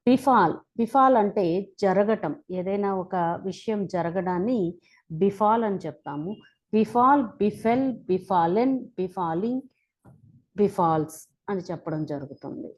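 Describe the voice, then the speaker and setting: Telugu accent woman teaching english verbs, reads out each form real slow, mellow voice. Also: medium pitch, lively intonation. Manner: spells out verb forms one by one, slow and deliberate. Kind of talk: slow spoken-English lesson.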